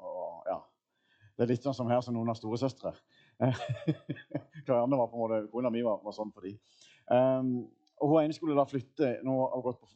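A man in his thirties preaching a sermon in a church, telling a personal story in a relaxed way with many fillers. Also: on the low side, lo-fi sound. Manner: casual storytelling with fillers and laughs. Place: church hall.

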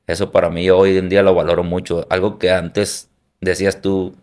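A man's voice: deep voice, little pitch movement, moderate pace, a little mellow. A man from Hermosillo with a Sonoran Mexican accent, a football coach and former player, answering interview questions in an earnest, reflective way. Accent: Sonoran Mexican Spanish.

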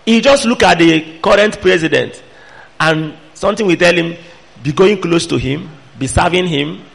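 A man's voice: fairly high pitch, normal speed, creaky, fairly bright tone. A man with a Nigerian accent preaching a sermon, emphatic and admonishing, putting pointed questions to his listeners. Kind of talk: sermon to a fellowship.

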